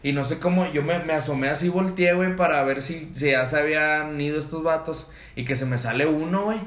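A man's voice: fairly high pitch, a little fast, reverberant. A man telling a funny party story to friends, acting out the voices of people in it and using heavy slang. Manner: animated, acts out quoted voices, heavy slang. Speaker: podcast host. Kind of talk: casual storytelling among friends.

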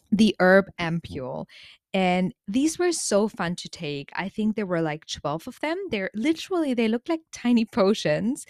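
A woman's voice: medium pitch, no echo, studio quality. A woman vlogger talking casually in an informal, emphatic way with slangy exaggeration. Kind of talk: casual chatty vlog monologue.

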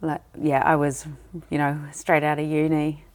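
A woman in her thirties co-hosting a podcast, telling relaxed stories in casual conversation. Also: low-pitched, normal speed. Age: 30s. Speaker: podcast co-host.

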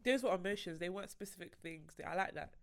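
A young woman, animated and chiming in quickly during a casual chat with friends. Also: lowish voice, gravelly. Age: 20s.

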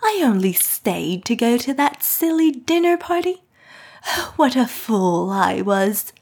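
A woman doing a shrill, panicked lady of the house. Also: sing-song, measured pace, a little mellow, breathy edge, exaggerated voice. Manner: high, shrill cries. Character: frightened, pleading young lady of the house.

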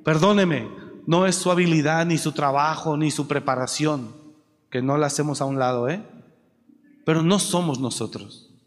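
A man preaching a sermon, moving from quiet storytelling to shouted exhortation. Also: on the high side, moderate pace, in a large hall.

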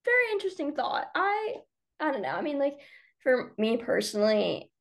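Young female podcast co-host, animated delivery with fry, casual. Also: high voice, normal speed. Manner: chatty, many fillers. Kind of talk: casual debate chat.

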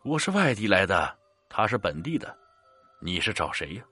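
A composed elderly fortune-teller in a spoken ghost story, put on by a male narrator. He talks in an unhurried, husky voice that ranges widely in pitch. The sound is dry and close. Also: very animated, bright, forceful tone, no echo, soft background music, full character voice. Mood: measured.

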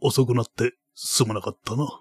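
A man voicing an old baron who is gentle and grieving and speaks in an old-fashioned way. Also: steady tone, moderate pace, breathy edge, no echo, clean studio sound, natural voice. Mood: sorrowful. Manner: soft, low, old-fashioned phrasing.

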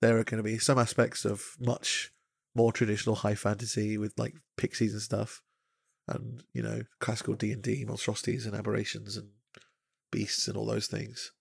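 A man's voice: on the low side, little pitch movement, moderate pace, vocal fry, breathy edge, no room sound, clean studio sound. A man co-hosting a podcast, talking casually about the world he runs his tabletop game in, rambling and jokey with lots of fillers. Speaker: podcast co-host and game master.

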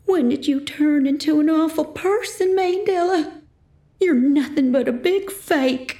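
A woman voicing a crying, defensive mother who talks in a high, quavering, wounded way in a storybook reading. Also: unhurried, mellow. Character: tearful aging mother, defensive.

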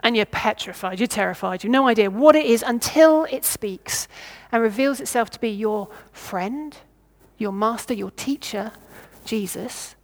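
A woman with a fairly high voice preaches a sermon. She thinks aloud and asks her listeners what they would do. She sometimes stops and starts over her words. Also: unhurried. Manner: reflective, asks the listeners questions.

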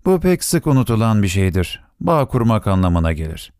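A man voicing a calm, wise male fox in a low, steady tone. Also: fairly quick, no echo, studio quality.

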